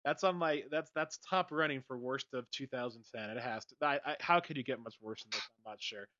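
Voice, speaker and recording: A man's voice: mid-range voice, fairly quick, pushed and bright, lo-fi sound. A man hosting a casual movie-review podcast, laughing often and tripping over his words. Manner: laughs often, stammers and restarts. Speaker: podcast host.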